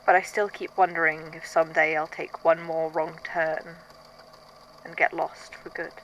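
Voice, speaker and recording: Speaking at normal speed with flat delivery and a mid-range, slightly bright voice, a performer lightly acts the part of a weary, haunted archivist recording statements of uncanny events. This fan fiction audio drama monologue is hesitant, introspective, and conversational, with a haunted, reflective mood. The recording is muffled, with slight background noise.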